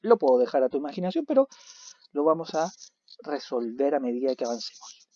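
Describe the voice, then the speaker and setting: Male teacher doing a video class, kinda high mellow voice, dry dull audio. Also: fairly quick. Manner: animated, asks questions and answers them himself. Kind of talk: recorded video lesson. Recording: dull lo-fi recording.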